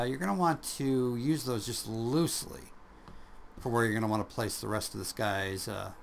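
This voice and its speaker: A man's voice: lowish voice, gravelly, fairly bright tone, slight background noise. A man casually narrating a drawing tutorial, rambling and joking at his own expense. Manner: rambling, jokey, self-deprecating, chuckles often.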